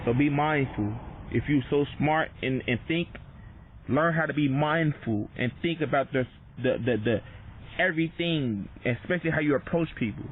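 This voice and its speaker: A man's voice: fairly high pitch, moderate pace. A man arguing defiantly outdoors at a front door, lecturing and repeating himself, caught on a doorbell camera. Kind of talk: argumentative street talk. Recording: noisy, thin phone-like doorbell camera audio.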